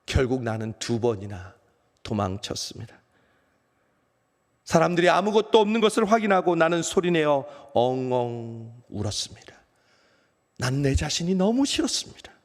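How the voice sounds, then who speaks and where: Pastor doing an ashamed apostle Peter confessing, lively rise and fall, big reverb of a church hall. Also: male voice, moderate pace. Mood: remorseful. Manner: emotional, swings from loud outbursts to hushed low phrases. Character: apostle Peter, remorseful grown man, ashamed. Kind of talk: first-person dramatic monologue in a dawn service. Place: church sanctuary.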